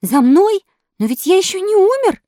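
A woman's voice: sing-song, brisk, dry recording, clean studio sound. A woman voicing a stubborn wooden puppet boy who whines and pleads in a storybook reading. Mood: panicked. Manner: whining, pleading, shrill.

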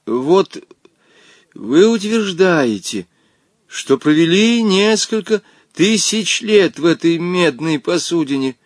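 A man's voice: sits high, lively intonation, normal speed, no room sound, clean studio sound, pitched above the performer's own voice. A man doing an indignant young boy. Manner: indignant, pleading.

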